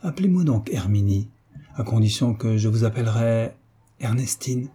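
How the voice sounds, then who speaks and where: A man reading an audiobook voices a gracious young duchess with gentle, affectionate questions, pitched higher than his narration. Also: animated, normal speed, husky. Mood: tender.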